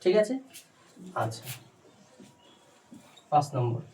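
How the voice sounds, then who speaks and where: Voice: mid-range voice, lively intonation, takes it slowly, mellow. A teacher giving a patient phonics lesson, repeatedly asking the learner questions and checking understanding. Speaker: spoken English teacher. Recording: distant mic, faint background noise.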